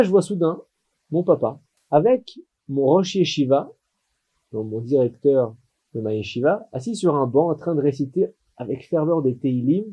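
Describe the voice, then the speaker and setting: A man telling a story aloud in an expressive storytelling style, acting out the people in it. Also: on the high side, slightly rough, lo-fi sound.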